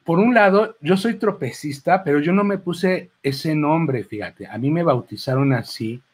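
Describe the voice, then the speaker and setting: Unhurried and a little high, his voice slightly rough, a Mexican-accented clown rambles through an informal book presentation speech. Holding a microphone at the event's presentation table, he chats away with plenty of asides and quoted lines.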